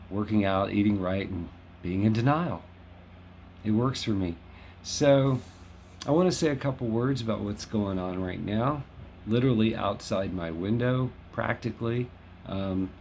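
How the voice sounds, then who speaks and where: Recorded with a little hiss or hum, the fairly low, darkish voice belongs to a Los Angeles man in his 50s. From his West Hollywood home, he hosts a casual video, speaking to camera in a chatty, wry, self-deprecating manner.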